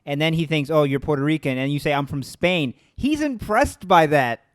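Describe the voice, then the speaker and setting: Young guy hosting a podcast, kinda high voice, dry studio mic, nodding along and explaining back. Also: expressive, no room sound. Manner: quick agreeing, explains his guest's point back to him. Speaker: podcast host. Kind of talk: casual interview chat. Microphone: studio mic with headphones.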